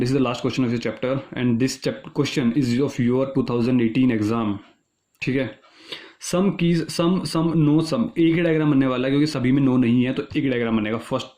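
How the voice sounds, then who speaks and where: A man's voice: mid-range voice, a little mellow. A male teacher, explaining exam logic step by step in an online lesson. He often checks whether students are following. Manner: reads statements slowly, then explains quickly.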